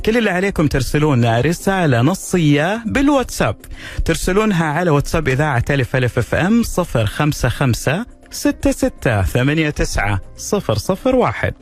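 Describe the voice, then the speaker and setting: A man's voice: fairly high pitch, big pitch swings, a little fast, soft background music. A male radio host, welcoming a guest and asking her questions plainly on a talk show.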